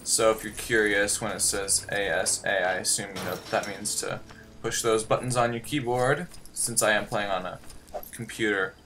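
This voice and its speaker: A man's voice: lowish voice, fairly even intonation, normal speed, sharp tone, slight background noise. A man hosting a gaming video with casual, rambling commentary and joking asides. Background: game music.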